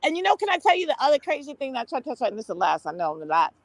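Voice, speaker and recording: A woman's voice: sits high, big pitch swings, very fast, no room sound. A woman giving casual religious testimony in Rasta speech, exclamatory and rambling, often repeating her words. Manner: Rasta speech, with "ites", "overstand", "big up" and "brethren".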